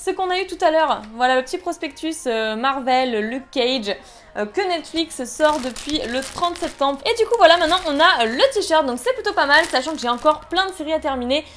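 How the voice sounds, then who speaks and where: A woman's voice: high-pitched, a bit bright. A young woman chatting casually through an unboxing, rambling and giggly, poking fun at herself. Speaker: unboxing vlogger.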